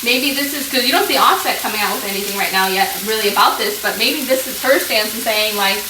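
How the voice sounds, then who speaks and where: A woman co-hosting a casual chat over a meal, talking in an animated, emphatic way as she speculates. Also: mid-range voice, fast, recorded from a distance. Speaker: co-host. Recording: echoey room, noisy, off-mic.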